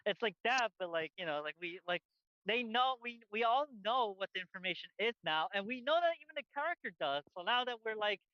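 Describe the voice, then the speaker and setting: A man with a noticeably high voice chats casually as a podcast co-host. He rambles, piles up fillers and restarts his sentences. The sound is dry, dull and lo-fi. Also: no room sound. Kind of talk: casual chat. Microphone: headphones on, outdoors by a busy street.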